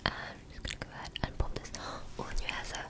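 A woman in her twenties doing a whispered role-play in ASMR style, close to the mic, coaxing the listener softly with wet mouth sounds. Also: racing. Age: 20s. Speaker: ASMR creator. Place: small indoor room.

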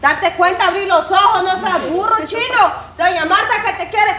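A woman's voice: extremely high pitch, moderate pace, crowd noise. A woman with a Guatemalan accent who scolds and lectures with exasperation. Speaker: scolding friend. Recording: distant, echoey, noisy.

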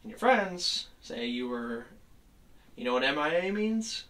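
A man playing a tough cop interrogating a suspect, pressing and skeptical in a halting delivery. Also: fairly high pitch, very animated, sharp tone, full character voice. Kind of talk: amateur acted interrogation scene. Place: small room, camera across the room. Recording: distant mic, noisy room.

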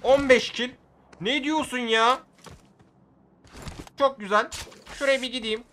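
High, bright-voiced excitable gamer man. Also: slow pace, a little hiss or hum. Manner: excitable, shouts at the game, slangy. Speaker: gaming video creator. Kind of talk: live gameplay commentary.

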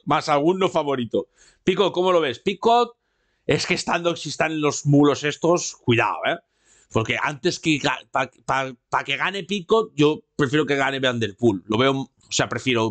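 A man hosting a casual podcast, rambling and repeating himself, tagging his sentences with a questioning "eh". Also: a little high. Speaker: podcast host. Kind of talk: casual cycling chat with live chat.

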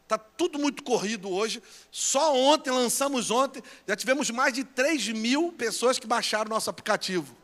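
A Brazilian pastor making playful, teasing announcements and bantering with a live conference crowd. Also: male voice, very high voice, lively intonation, normal speed, fairly bright tone. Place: large church conference hall. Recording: long echo of a big hall.

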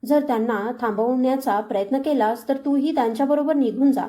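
A woman's voice: high voice, a little fast, lightly acted. A woman voicing a proud, harsh mother. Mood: angry. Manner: sharp, contemptuous scolding.

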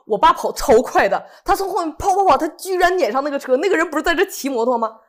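With a high voice and a rapid delivery, a woman co-hosting from Northeast China animatedly acts out people's words while telling a personal story in casual talk.

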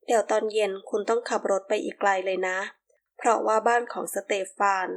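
A gentle, loving young wife and mother from an audiobook romance, read by a woman close to her own voice. Her speech is sweet and unhurried, with a mid-range pitch. She sounds soft and caring. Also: steady tone, close to an everyday voice.

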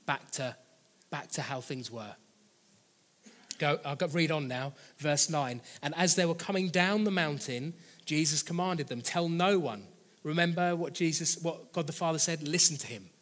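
A male preacher with a somewhat high voice delivers a sermon in an earnest, chatty manner. He often rephrases and repeats his key lines. The voice rings out in a hall with a long reverb. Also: normal speed.

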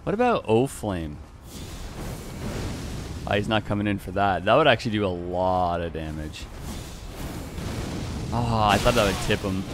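A man's voice: lowish voice, expressive, a little slow, pauses often, over music. A man giving casual, playful commentary over his own gameplay, chuckling often and greeting the players he meets. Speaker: gaming YouTuber.

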